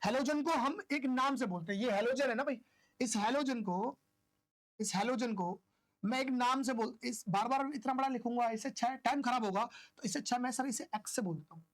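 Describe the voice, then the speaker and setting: A woman's voice: on the high side, a little fast. A woman teaching an online chemistry class, chatty and informal, who keeps asking questions and answering them herself. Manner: chatty, asks and answers own questions, homely analogies.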